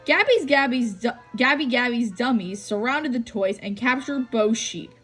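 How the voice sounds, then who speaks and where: A storybook reader narrates a scripted children's story with background music, now and then stumbling on a phrase and going back over it. Her voice is on the high side, expressive and a bit bright, at normal speed, in a slightly rough recording.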